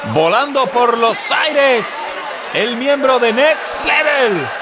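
A man with a Spain accent calls wrestling live as a commentator. His voice sits very high and excited, hammering phrases by repetition. A loud crowd and heavy hall noise surround him. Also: slow. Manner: excited, repeats phrases for emphasis. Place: indoor sports hall at live show. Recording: noisy echo-prone sports hall, loud crowd.

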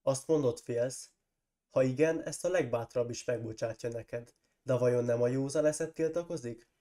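A man with a cold, reading aloud and voicing a proud, forceful warrior lord who keeps pressing his case and breaks into loud accusations. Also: medium pitch, close to an everyday voice. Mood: coaxing. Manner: insistent, rising to loud accusing outbursts. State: hoarse from a cold.

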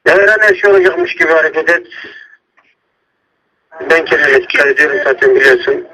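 A man speaking haltingly in short, repeated radio-style phrases over a thin two-way radio or phone line. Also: a little high, sharp tone.

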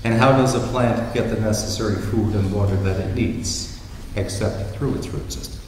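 A priest reading the gospel and preaching a sermon in a large church, telling stories and asking rhetorical questions. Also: male voice, on the low side, normal speed, darkish tone, a little hiss or hum. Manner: storytelling, emphatic with rhetorical questions. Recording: echoey church hall with reverb.

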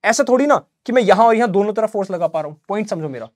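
A man teaching an exam-prep lesson, slowly dictating English answers and explaining in chatty Hindi. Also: high voice, lively intonation, no room sound, studio quality.

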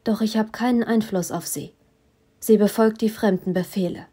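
A woman's voice: medium pitch, breathy edge. Woman reading a first-person audiobook. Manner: steady, measured storytelling. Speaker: audiobook reader.

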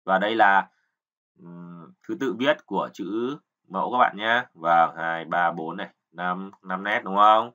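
A man's voice: deep voice, a little slow, sharp tone, highs cut off. A man teaching kanji, patiently explaining and repeating words, often checking with learners. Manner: keeps asking "right?" to check learners. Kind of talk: explanatory lesson.

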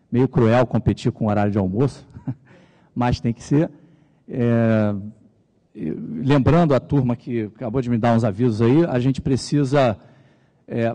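Carioca man speaking in a big echoey hall. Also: mid-range voice. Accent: Carioca Brazilian Portuguese. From Rio de Janeiro, Brazil. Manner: relaxed, jokey, asks and answers his own questions. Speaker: conference speaker. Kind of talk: technical conference presentation. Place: large conference hall stage. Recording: reverberant large hall.

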